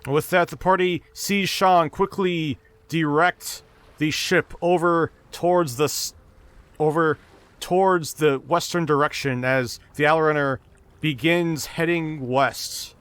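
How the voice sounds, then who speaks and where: A man narrating a tabletop game as dungeon master, in steady storytelling with small restarts. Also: a little high, slow pace, clean tone.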